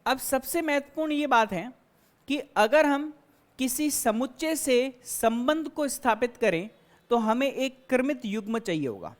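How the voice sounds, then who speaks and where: A woman's voice: high voice, lively intonation, measured pace. A woman math teacher giving a classroom lecture, explaining step by step and asking and answering her own questions. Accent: Hindi-speaking Indian.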